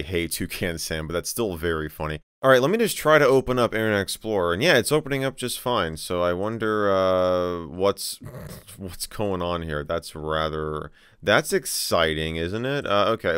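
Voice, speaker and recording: Low, smooth-voiced man hosting tech videos. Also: animated, normal speed, fairly bright tone, no room sound, studio quality. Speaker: host of a tech video channel. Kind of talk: casual narrated software demo.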